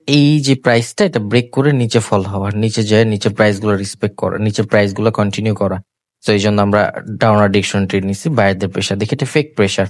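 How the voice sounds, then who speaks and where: A man's voice: medium pitch, darkish tone, no room sound, studio quality. A young man giving live trading commentary over a chart, repeating himself and coaxing viewers as brothers. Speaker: trading channel host.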